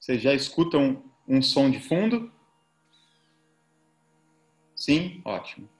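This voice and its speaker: Casting: Brazilian man, medium pitch, gentle guided-relaxation instructor, faint music behind. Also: very animated, slow. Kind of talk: guided relaxation and listening exercise.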